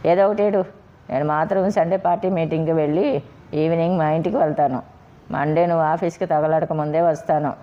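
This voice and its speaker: A woman voicing a domineering middle-aged wife who gives loud, scolding orders, on a slightly dull recording. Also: deep voice, natural voice.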